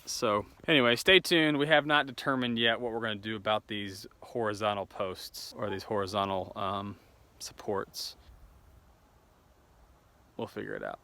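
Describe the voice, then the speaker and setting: A man explaining his off-grid homestead build outdoors in a casual talk to camera, pausing with fillers and restarting sentences. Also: lowish voice, steady tone, pushed and bright. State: out of breath from lifting. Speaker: homesteading vlogger.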